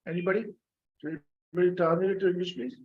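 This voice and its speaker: A man's voice: high voice, rapid-fire, breathy edge, phone-quality sound. A man teaching an online French class, patiently coaxing students for answers, with many fillers and coughs. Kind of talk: live online class lecture.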